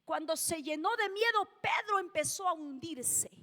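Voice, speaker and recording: Speaking at a normal speed, a woman with a very high, sharp-toned voice preaches emphatically and expressively. She hammers key phrases and questions the congregation, her words fading into a long church-hall reverb.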